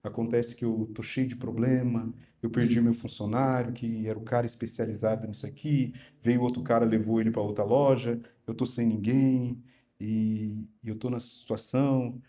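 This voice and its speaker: A man voicing a troubled, ashamed male mechanic in a low, mellow tone. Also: flat delivery, close to an everyday voice. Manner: halting, ashamed.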